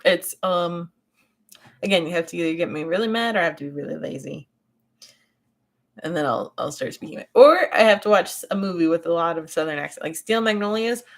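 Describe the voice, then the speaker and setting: A woman hosts a casual livestream, answering her chat and talking with viewers. She speaks fairly quickly in a fairly low voice, laughs often, and stumbles into restarts.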